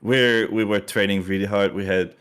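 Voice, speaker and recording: A man's voice: lowish voice, steady tone, normal speed, a bit bright, smooth. A man interviewed as a team commander, upbeat and eager, rambling a bit. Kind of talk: casual interview.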